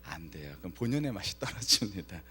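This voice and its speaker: Low-pitched and fast, a pastor gives a Friday night sermon in the church sanctuary, a little hiss or hum audible. He acts out quoted lines within a lively story and poses questions to the congregation.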